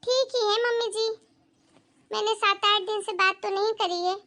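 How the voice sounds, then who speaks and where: A proud young daughter-in-law from a rich family talks back firmly in a bright, very high cartoon voice, as a woman plays her. She is assertive and defiant. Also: steady tone, normal speed, heavily acted. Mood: polite.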